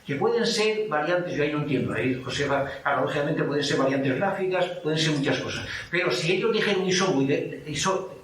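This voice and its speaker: A man's voice: fairly high pitch, expressive, fast, hardly any pauses, fairly bright tone, a little hiss or hum. A man with an Asturian Spanish accent giving a rambling, anecdotal talk on place names at a book presentation. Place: lecture hall. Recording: echoey hall from far off.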